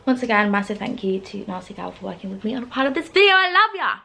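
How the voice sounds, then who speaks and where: A woman's voice: mid-range voice, expressive, rapid-fire, gravelly, fairly bright tone, slightly rough. A hungover woman in her early twenties chatting casually to camera in a scatty, playful, gushing way with lots of slang. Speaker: vlogger.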